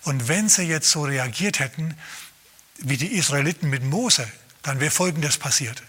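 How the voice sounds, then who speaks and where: A male pastor preaching a lively, emphatic sermon, acting out scenes as he goes. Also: fairly high pitch, normal speed, slightly rough.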